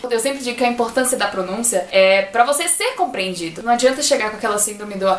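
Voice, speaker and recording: Woman with a Brazilian accent, lively English teacher, slightly high voice, echoey room. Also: quick pace, slight background noise. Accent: Brazilian Portuguese. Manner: lively, lots of examples. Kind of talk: casual online lesson.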